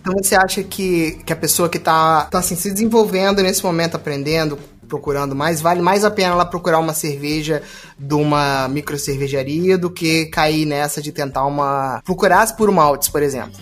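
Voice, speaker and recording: A man's voice: a little high, brisk, a bit bright. A man hosting, asking long, searching interview questions. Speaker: podcast host.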